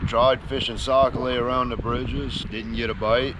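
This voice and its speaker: A man's voice: medium pitch, little pitch movement, normal speed. A man casually narrating his kayak fishing trip in a matter-of-fact, laid-back way, recorded outdoors on the water. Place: outdoors on a kayak on a bayou canal. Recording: outdoor wind and water noise.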